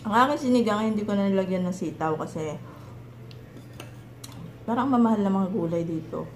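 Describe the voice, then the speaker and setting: A Filipino woman vlogging at home, chatting in an unhurried way while chewing her food. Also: mid-range voice, darkish tone, slight background noise. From Philippines. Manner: unhurried, chatty, with long eating pauses. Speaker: mukbang vlogger. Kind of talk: casual mukbang chat. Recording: echoey room with clattering dishes.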